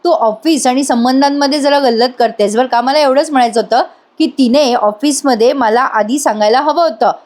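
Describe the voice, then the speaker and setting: A woman voicing an annoyed young married man complaining about a colleague, in her own slightly high voice. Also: moderate pace, a little mellow, close to an everyday voice. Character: irritated young married man, elder brother.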